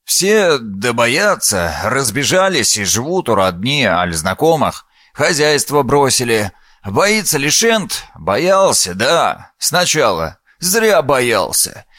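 A man voicing a frail, sly old peasant with a creaky, scratchy voice and fawning rustic speech, in an audiobook. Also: medium pitch, big pitch swings, slow, few pauses, sharp tone, no room sound, clean studio sound, heavily acted. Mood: wheedling. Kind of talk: audiobook character voice.

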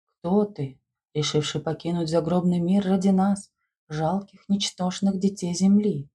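A woman's voice: on the low side, fairly even intonation, unhurried, dark tone, husky. A woman voicing a fervent, commanding schoolgirl who leads a séance and addresses the spirit. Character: exalted schoolgirl leading a séance.

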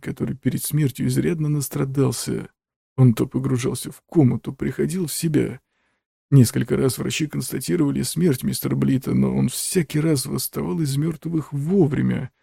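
Male audiobook narrator, measured storytelling, very gravelly, husky. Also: mid-range voice, dark tone, no room sound, clean studio sound.

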